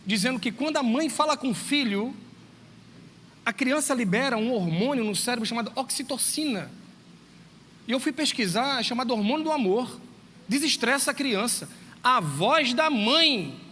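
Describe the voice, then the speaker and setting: A man, a teacher, giving a church talk to parents in a lively storytelling way, acting out dialogue and speaking straight to his listeners. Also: extremely high pitch. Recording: long reverb, faint background noise.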